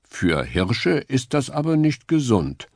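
A man doing a calm sensible beaver. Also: medium pitch, slow, gravelly, dry recording, clean studio sound, voice pushed up, heavily acted.

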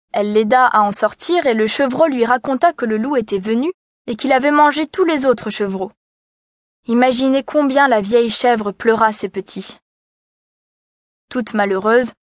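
Expressive woman reading a children's story. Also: fairly high pitch, no room sound, clean studio sound. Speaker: audiobook narrator.

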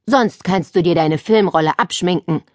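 A woman's voice: lowish voice, moderate pace, a little mellow, no room sound, clean studio sound, close to an everyday voice. A woman voicing a grumpy, scolding father in an audiobook for children. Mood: grumbling. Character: grumpy father, middle-aged man.

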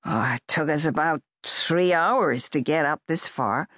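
A woman narrator voicing a calm, gentle young man in an audiobook. The voice stays even and softly breathy, heard dry and close. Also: sits low, a little slow, no echo.

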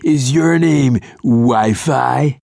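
Smug, slow-drawling barfly voiced by a male narrator; higher than his own voice, dry close studio sound. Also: vocal fry, a little mellow, no echo, exaggerated voice. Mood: smarmy. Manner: slow smarmy drawl, pleased with himself. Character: sleazy young man hitting on a woman with pickup lines. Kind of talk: audiobook character voice.

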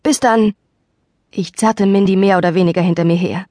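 A woman reading a first-person story as an audiobook narrator, expressive and lively, on a dry studio microphone. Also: lowish voice, fast, dry recording.

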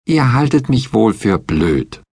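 A male narrator putting on a naive, stubborn young woman's voice in a storybook audiobook. It comes out high, sulky and petulant, swinging widely in pitch over a husky grain. The sound is close and dry. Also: very animated, normal speed, darkish tone, no room sound.

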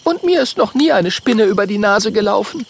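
A man's voice: high voice, animated, brisk, gravelly, a little hiss or hum, voice pushed up. A man voicing a sensible young female porcupine in a children's audiobook, matter-of-fact and corrective. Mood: know-it-all.

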